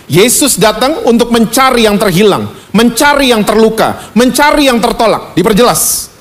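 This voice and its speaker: A male pastor preaching a lively, conversational sermon at a church service, often asking the congregation questions. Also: very high-pitched, moderate pace.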